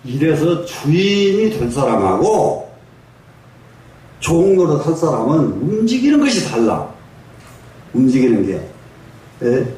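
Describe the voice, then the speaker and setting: An older male monk tells folksy stories in a fairly high voice, now and then prodding the audience for a reply. He is picked up from a distance in a very echoey hall, with a faint hiss underneath. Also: big pitch swings, measured pace, pauses often, mellow. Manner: folksy storytelling, asks the audience for replies and chuckles. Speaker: Buddhist monk giving a dharma talk. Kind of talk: sermon. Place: large echoing meditation hall.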